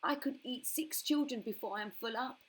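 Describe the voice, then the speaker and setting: An enormous male crocodile from a storybook, voiced by a woman. He is greedy and scheming, and relishes each word in a slightly husky voice. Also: fairly high pitch, a little fast, voice pushed up. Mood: hungry, grumbling.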